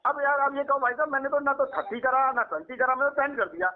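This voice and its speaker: A man working as a bank collections agent on a heated phone call, loud and insistent, who keeps repeating "sir, listen". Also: extremely high pitch, fast talker. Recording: tinny phone line.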